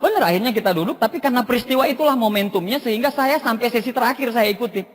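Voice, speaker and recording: A man's voice: very high voice, lively intonation, racing, fairly bright tone. A man giving a humorous motivational talk, telling stories and addressing listeners as "Pak" again and again. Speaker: motivational speaker. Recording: long hall reverb.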